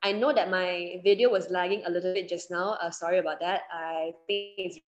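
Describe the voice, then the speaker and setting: A woman's voice: fairly low pitch, steady tone, fairly quick, highs cut off. A woman teacher with a Malaysian English accent, teaching an online class in a chatty way and acting out short examples. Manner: chatty, explains with examples and acted asides.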